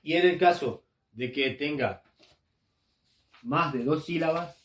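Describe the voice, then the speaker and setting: A man's voice: fairly high pitch, slow pace, fairly bright tone. A man from Argentina teaching an English grammar lesson, hesitant and repeating himself often, with frequent filler sounds. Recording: echoey room.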